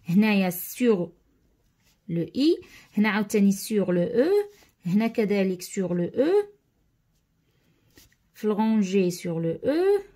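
Moroccan woman teaching, mellow tone. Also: mid-range voice. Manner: mixes French terms into Arabic, asks "understood?" often. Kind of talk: explaining a school lesson.

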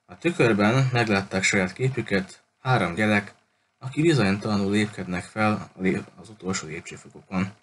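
A man reading a novel aloud as an audiobook in a steady way, with small slips and restarts. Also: fairly low pitch, a little hiss or hum. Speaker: audiobook reader. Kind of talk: audiobook narration.

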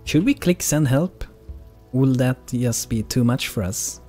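A man's voice: medium pitch, expressive, unhurried, mellow, faint music behind. A man giving casual live gameplay commentary as a streamer, rambling and repeating words for emphasis. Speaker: game streamer.

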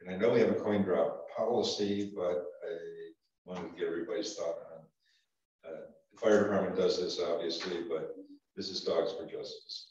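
In a town office meeting room, an older man with a Vermont accent runs a small-town board meeting, hesitating with lots of ums and restarts. His low voice is fairly even, at normal speed and a little mellow, recorded by a far room camera that makes it echoey and dull.

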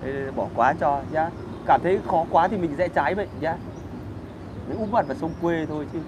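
A man rants in a high, pushed voice, crude and combative. He hosts a casual livestream from outdoors. Traffic and street noise sit loudly behind him. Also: a little fast. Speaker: livestream host answering viewer comments.

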